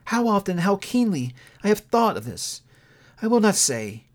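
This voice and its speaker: A man reading a storybook as a fair young woman, gentle and sorrowful, speaking softly and earnestly in measured phrases. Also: sits high, sing-song, pitched above the performer's own voice.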